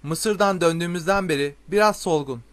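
A man's voice: high voice, moderate pace, fairly bright tone, voice pushed up. A man reading a storybook voices a flustered teenage boy who exclaims and gets defensive.

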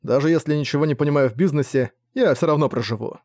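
A man voicing a calm, cheeky young male magician who answers his parents flatly, in an audiobook. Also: on the high side, fast, no room sound, close to an everyday voice. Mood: defiant.

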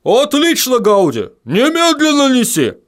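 A man voicing a gruff male dwarf who barks questions and orders in a storybook reading. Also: high voice, big pitch swings, moderate pace, pitched above the performer's own voice. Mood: barking worried. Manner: barking orders.

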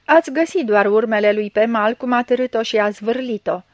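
A woman's voice: a little high, no echo, dull audio, lightly acted. A woman reading a story aloud, voicing an agitated male landowner who shrills accusations. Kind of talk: audiobook reading.

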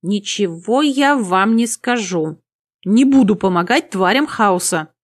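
A woman voicing a timid, plump middle-aged male summoner who squeaks and whines in fear. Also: lively intonation, moderate pace, warm tone. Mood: wavering. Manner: squeaky, frightened, whining.

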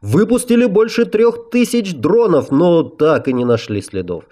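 A man's voice: fairly high pitch, sing-song, measured pace, dark tone, pitched above the performer's own voice. A man voicing a nervous service chief who anxiously defends his report, in a raised voice. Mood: defensive. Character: head of sanitary service, man, nervously justifying himself.

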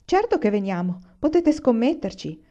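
A woman's voice: on the high side, very animated, normal speed, warm tone, highs cut off, voice pushed up. A woman reading the lines of a jolly, laughing male neighbor in a storybook. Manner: hearty, enthusiastic.

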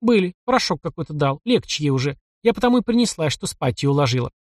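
A man voicing a young widow who speaks softly, bashfully and with emotion. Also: a little high, very animated, quick pace, no room sound, studio quality. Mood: tender. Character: young widow, tender and tearful.

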